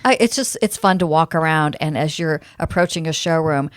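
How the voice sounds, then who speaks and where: An agreeable middle-aged woman joins her co-host in casual chat. Her voice is a touch low and dry, with no room sound. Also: a little fast, no room sound. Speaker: podcast co-host.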